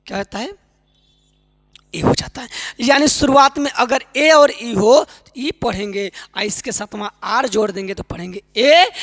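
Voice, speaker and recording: A woman teaching a spoken English class, explaining pronunciation rules and quizzing her listeners again and again with friendly encouragement. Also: on the high side. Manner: keeps quizzing listeners with repeated questions; affectionate, encouraging teacher talk. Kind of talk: online class lecture. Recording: long hall reverb.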